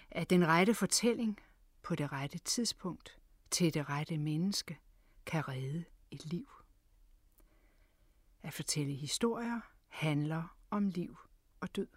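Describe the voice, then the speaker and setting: A woman's voice: sits low, no echo, clean studio sound. A woman storyteller and radio host, telling a story with dramatic shifts between a full voice and a whisper.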